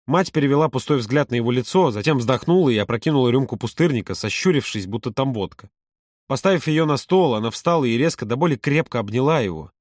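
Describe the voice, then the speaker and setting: A man reading a novel aloud in measured, earnest audiobook narration. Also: medium pitch, a little mellow, dry recording, studio quality.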